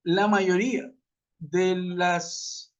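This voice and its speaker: A man's voice: high voice, flat delivery, drawn-out words. Man, English teacher, online class lecture, rhetorical questions, dull call audio. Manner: patient explaining, with rhetorical questions. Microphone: computer mic on a video call. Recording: muffled web conference audio.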